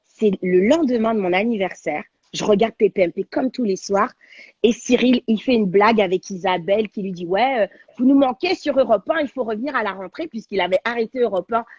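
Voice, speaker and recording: A woman, a guest on a talk show, telling a personal story in an animated, slangy, dramatic way over a video call. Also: mid-range voice, fairly quick, breathy edge, no echo, lo-fi sound. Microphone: video call on a livestream.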